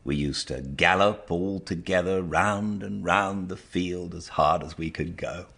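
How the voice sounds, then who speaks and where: A man reading a storybook aloud as an audiobook narrator, measured and expressive. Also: low-pitched, creaky.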